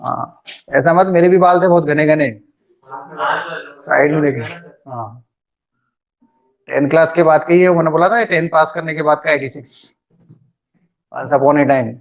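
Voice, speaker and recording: A middle-aged male math teacher, running an online lesson. His voice sits high for a man, and he keeps up a chatty, teasing banter with his students between the formulas. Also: a little slow, pauses often. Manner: joking, chatty, teases students by name. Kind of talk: online class lecture.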